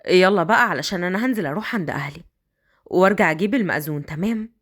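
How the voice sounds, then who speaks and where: A woman with an Egyptian accent voicing a smitten older rich man who coaxes in slow, drawn-out lines. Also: fairly low pitch, animated, pitched below the performer's own voice. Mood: coaxing. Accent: Egyptian Arabic.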